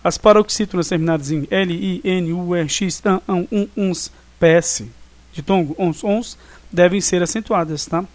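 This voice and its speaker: A man with a high voice and a Brazilian Portuguese accent teaches a review class at a normal speed, with no room sound. He explains things and checks in with his students often, using "né?" and "tá?". It's a recorded online class review.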